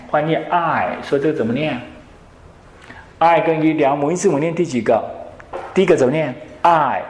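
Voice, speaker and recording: A male English teacher, lecturing a classroom and quizzing students with quick questions. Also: medium pitch, slight background noise. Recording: echoey classroom.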